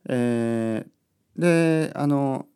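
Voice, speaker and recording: A man's voice: mid-range voice, very slow, dark tone, smooth. A middle-aged man hosting a podcast, talking casually and rambling with frequent self-interruptions. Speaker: podcast host. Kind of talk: casual monologue about Japanese language.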